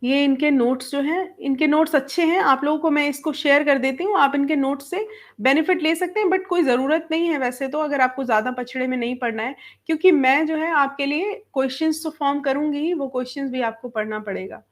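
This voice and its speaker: A woman's voice: high voice, a little fast. A woman teacher with a Bihari Hindi accent, explaining an English lesson in Hindi and switching between both languages. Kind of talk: online class lesson.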